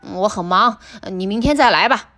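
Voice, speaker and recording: A woman voicing a boastful, lazy male dragon in a storybook reading, with a slow, smug drawl. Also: mid-range voice, bright, forceful tone, soft background music. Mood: dismissive.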